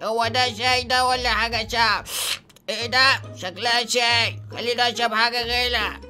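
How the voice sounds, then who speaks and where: A man playing a bright-voiced vengeful Egyptian ghost. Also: very high voice, fairly even intonation, brisk, full character voice. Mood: taunting. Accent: Egyptian Arabic. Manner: boastful, taunting, greedy glee. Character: mischievous vengeful male ghost, hurt leg. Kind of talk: game-video role-play. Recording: faint music behind.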